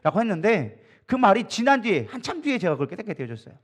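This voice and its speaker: A man preaching as a pastor, telling stories with a joking, animated manner and acting out what others said. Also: sits high, quick pace. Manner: animated, joking storytelling with acted quotes. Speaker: co-lead pastor. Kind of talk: sermon at an evening prayer meeting. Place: church sanctuary.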